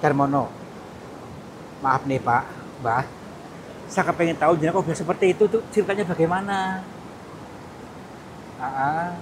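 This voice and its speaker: Nervous high-voiced man, noisy outdoors. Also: moderate pace, pauses often. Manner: nervous, pleading, repeats words many times. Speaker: mystic vlogger. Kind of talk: hushed ghost-hunting commentary. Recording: loud rumbling background noise.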